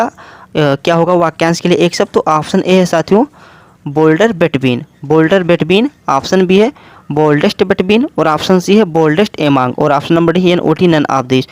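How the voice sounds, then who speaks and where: A man with a slightly high voice explains exam questions one option at a time. He keeps asking questions and answering them himself. The recording is dry and close, with no room sound. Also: dry recording. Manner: repetitive question-and-answer explaining, addresses listeners as friends. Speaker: exam prep teacher.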